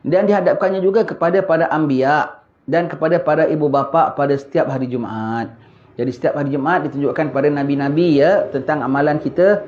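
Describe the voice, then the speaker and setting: A man's voice: on the high side, fairly quick. Earnest preaching man, dull lo-fi recording. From Singapore. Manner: earnest, expressive preaching with acted-out asides. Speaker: religious teacher. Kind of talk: religious lecture.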